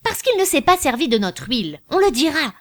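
A woman's voice: sits high, sing-song, fairly quick, pitched above the performer's own voice. A grandiose middle-aged perfumer, read by a woman, bursting with exclamations. His voice swoops widely and rises as he boasts. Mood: boastful.

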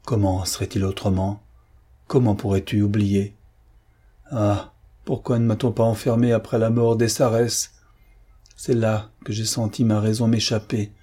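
A man's voice: lowish voice, little pitch movement, unhurried, dark tone, husky. A man voicing a tormented, half-mad old man who rambles with hesitations and silences, in an audiobook reading. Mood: pleading.

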